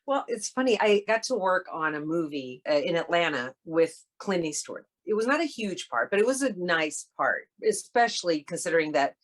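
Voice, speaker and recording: A woman guest on an interview show, telling a story in a lively way and acting out the lines of the people in it. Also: on the low side, normal speed, hardly any pauses. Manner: animated, acts out quoted dialogue. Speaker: guest actress.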